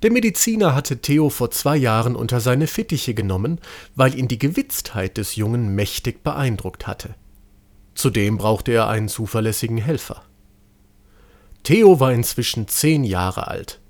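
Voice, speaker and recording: A man narrating a children's story with an expressive reading. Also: mid-range voice, moderate pace.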